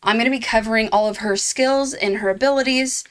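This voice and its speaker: A woman's voice: a little high, fairly quick, clear, resonant tone. A woman hosting her own game guide video, talking casually and laughing at herself now and then. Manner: chatty, laughs at herself, fillers. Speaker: gaming channel host.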